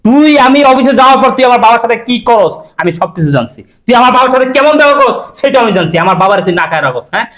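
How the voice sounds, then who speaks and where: A man's voice: very high-pitched, animated, very fast, few pauses, a bit bright. A young man, playing an enraged husband who accuses his wife. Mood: furious. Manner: agitated, accusing. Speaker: actor playing an angry husband. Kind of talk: melodramatic short-film acting.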